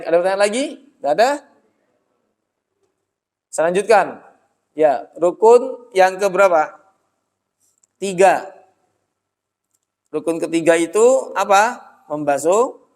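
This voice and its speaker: A religious teacher delivers an Islamic study-circle lecture in a prayer room, calling his listeners "Pak" and frequently posing questions he then answers himself. His voice is high-pitched, slightly mellow, and lively in intonation, and he speaks slowly with frequent pauses. A long hall reverb surrounds the recording.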